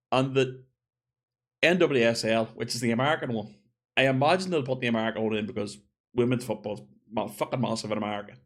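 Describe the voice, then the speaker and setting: A man giving a casual opinion monologue, chatty and thinking aloud as he corrects himself. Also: medium pitch. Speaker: gaming video creator.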